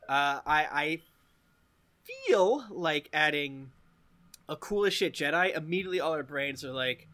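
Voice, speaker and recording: Bright-voiced man in casual chat. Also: on the high side, a little slow. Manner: animated, swearing, breaks into laughter and goofy impressions.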